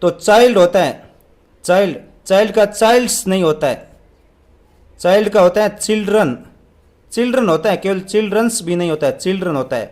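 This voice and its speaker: A young man teaching an English exam paper, asking questions and answering them himself, reading the English lines out slowly. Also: sits high, animated, a little mellow. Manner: asks and answers own questions.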